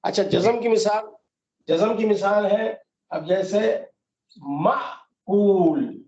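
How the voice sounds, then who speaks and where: High-voiced man teaching over a video call. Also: darkish tone, slight background noise. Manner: patient, quizzes students with questions and repeats examples. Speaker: Quran recitation teacher. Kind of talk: online class teaching. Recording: roomy, dull online call audio.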